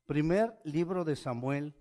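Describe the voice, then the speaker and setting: Spanish-language preacher asking probing questions. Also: male voice, fairly high pitch, lively intonation, takes it slowly, mellow. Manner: asks the listeners questions, reads scripture with rising force. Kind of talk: sermon.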